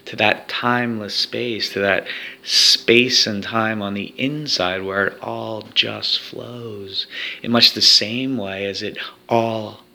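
A man's voice: lowish voice, fairly even intonation, slow pace, gravelly, bright, forceful tone. A man leading a guided hypnosis recording for athletes, speaking in a soothing, repetitive hypnotic way.

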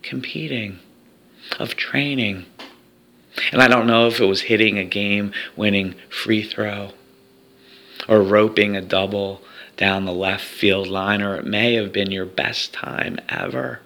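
A man's voice: fairly low pitch, fairly even intonation, a little slow, vocal fry, sharp tone. A man leading a guided hypnosis recording for athletes, speaking in a soothing, repetitive hypnotic way.

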